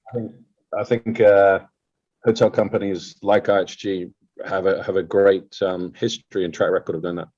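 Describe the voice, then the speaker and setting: A man's voice: deep voice, level tone, normal speed, a little mellow. A man speaking casually as a guest answering questions in an interview. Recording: slightly dull, lo-fi sound.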